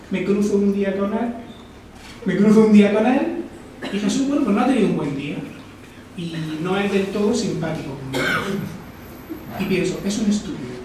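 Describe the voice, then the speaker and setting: A lecturer from Almería, Spain, gives a reflective live talk in an echoey hall, picked up by a distant mic with slight background noise. His voice is high-pitched and a little mellow, and he frequently asks the audience questions.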